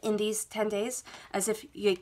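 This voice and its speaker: This monthly tarot reading to camera comes from a woman with a head cold, seated indoors with cards laid out on a table. She speaks a little slowly in a medium, slightly mellow voice with flat delivery, soothing and reassuring, and often checks in with "okay?".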